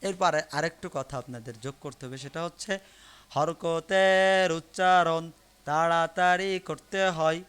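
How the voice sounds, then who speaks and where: During an online live class, a man teaches Quran reading by patiently repeating each syllable for his learners to follow. The lesson covers Arabic letters. His fairly high voice is brisk, a bit bright and clean, with hardly any pauses.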